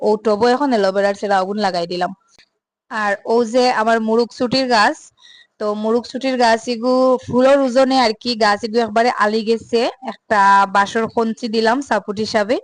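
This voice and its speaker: A young woman with a Sylheti accent, chatting casually through her home vlog and filling pauses with little hesitation sounds. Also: fairly high pitch, no echo. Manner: chatty, mixes Sylheti and standard Bengali, many filler sounds. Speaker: home vlogger.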